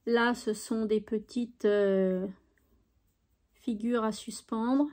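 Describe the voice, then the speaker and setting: A woman's voice: fairly high pitch, fairly even intonation, slow pace, darkish tone. A woman chatting enthusiastically as she shows off craft supplies, with frequent fillers. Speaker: craft YouTuber. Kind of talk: casual product show-and-tell.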